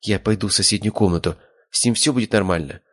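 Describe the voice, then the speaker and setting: A man voicing a timid, anxious young woman in a high, fretful voice. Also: quick pace, fairly bright tone, no echo, studio quality.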